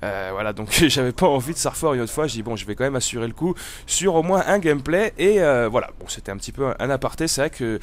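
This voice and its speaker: This gaming video host has a cold, and his commentary on the gameplay comes out casual, hesitant, and wandering. He talks quickly in an animated, medium-pitched voice.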